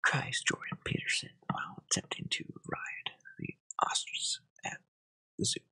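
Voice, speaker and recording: A soft-spoken ASMR host in close-mic whispers, reading satirical headlines and adding dry deadpan asides. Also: normal speed, rough recording. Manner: reads headlines, then adds wry deadpan asides.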